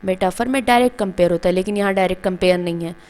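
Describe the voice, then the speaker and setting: A woman's voice: medium pitch, racing, a little mellow. A woman teacher explaining grammar to students step by step, asking questions and answering them herself. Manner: calls students "beta". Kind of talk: classroom grammar lesson.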